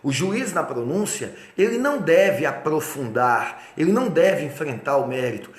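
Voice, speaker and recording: A man with a Brazilian Portuguese accent teaches an exam-prep law lesson, his voice set a little high for a man. He hammers key points with repetition and keeps asking the listener if it's all clear. The sound carries a noticeable room echo. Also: big pitch swings, normal speed. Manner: emphatic, repeats key points, asks rhetorical check-ins. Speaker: law lecturer.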